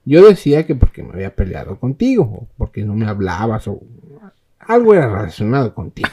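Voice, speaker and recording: A man with a Mexican accent hosting a podcast, telling a story in a casual, slangy, animated way and imitating other people. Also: fairly low pitch, a little fast, slight background noise. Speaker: podcast host.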